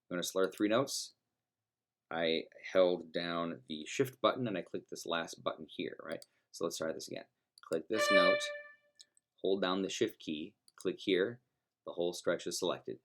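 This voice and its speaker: A man teaching music students how to use a notation program, explaining each step in a relaxed, folksy way. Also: deep voice. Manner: relaxed, folksy, talks through clicks step by step. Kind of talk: screen-recorded software tutorial.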